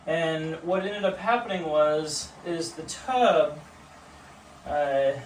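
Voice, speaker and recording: A man sits in an ice cold home bathtub and takes it slowly as he casually instructs the camera on ice baths, his voice fairly high. The mic is far away, and the echoey bathroom adds water noise.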